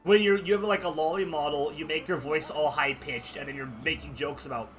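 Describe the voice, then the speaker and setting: A man on a game stream, ranting in a heated, profane way with constant fillers. His voice sits a little high and sounds very bright and sharp, with faint music underneath. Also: steady tone, brisk. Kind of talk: casual chat during a game stream.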